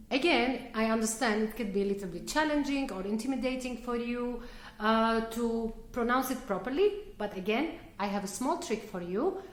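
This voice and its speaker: Slow, careful woman teaching a language. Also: fairly high pitch, a bit bright, echoey room. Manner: slow, careful, repeats words for practice. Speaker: Arabic teacher. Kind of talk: language lesson.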